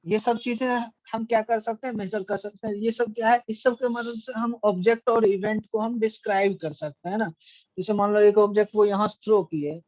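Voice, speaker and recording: A man's voice: sits high, darkish tone, no room sound. Man teaching physics in speech. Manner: asks the class questions and answers them himself. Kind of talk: online physics lesson. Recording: dry, dull lo-fi audio.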